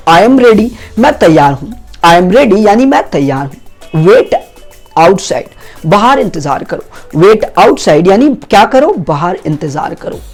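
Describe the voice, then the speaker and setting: A woman teaching short English phrases, repeating each one slowly with its meaning. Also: medium pitch, darkish tone. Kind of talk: spoken English lesson.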